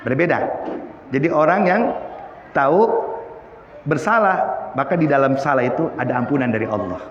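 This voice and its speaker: A man giving a lively religious lesson, often asking the audience questions. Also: mid-range voice, normal speed, a little hiss or hum. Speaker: Islamic teacher. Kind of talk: religious study lecture. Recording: echoey hall, dull lo-fi sound.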